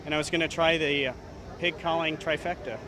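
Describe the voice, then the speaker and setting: A man's voice: a little high, fairly even intonation, brisk. A man in his thirties with a Midwestern American accent, chatting casually as a contestant in an interview. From Iowa, United States. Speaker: hog calling contestant. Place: outdoors at a fairground. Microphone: handheld interview microphones. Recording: outdoor crowd behind the voice.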